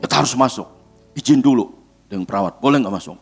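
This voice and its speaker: A male pastor, preaching in a lively storytelling way and acting out the voices of the people in his story. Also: medium pitch, quick pace, gravelly, soft background music. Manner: animated storyteller, acts out quoted voices. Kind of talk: sermon storytelling.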